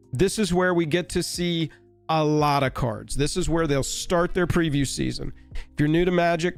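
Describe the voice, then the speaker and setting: A man with a hoarse, raspy voice from a recent illness chats casually to his live-stream audience, sitting a little higher in pitch than most men. He talks in a rambling, wry, offhand way, with faint music playing softly behind him. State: sick, hoarse.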